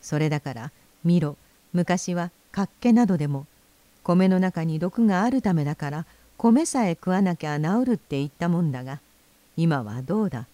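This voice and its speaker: A fat, greedy rich man, as a woman reading the tale puts him on, blustering loudly and barking threats. The voice stays low and mellow, close to her own, with a dry close sound. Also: animated, normal speed, no echo, natural voice. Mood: lecturing.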